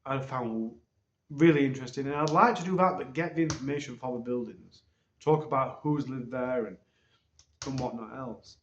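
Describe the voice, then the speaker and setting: A man hosts his own channel and gives his viewers a loose, hesitant update, often pausing on ums. He is recorded on a low-quality phone. The sound is dull and muffled, and the room echoes around his mid-pitched voice. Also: slight background noise. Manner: hesitant, rambling, many ums. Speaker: channel host.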